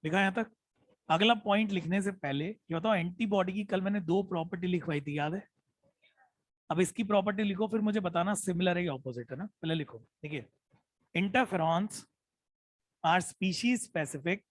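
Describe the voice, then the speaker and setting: A man teaching biology in an online class, mixing Hindi with English terms, dictating notes slowly and repeating each phrase, often checking in with "hai na?". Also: high-pitched, no echo. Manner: mixes Hindi with English terms, calls students "beta".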